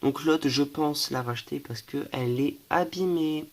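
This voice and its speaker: A man's voice: a little high, normal speed, heavy background noise. Young man, hesitant collection show-and-tell. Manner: hesitant, many fillers and self-corrections. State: stuffy, coughing. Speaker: collector showing items.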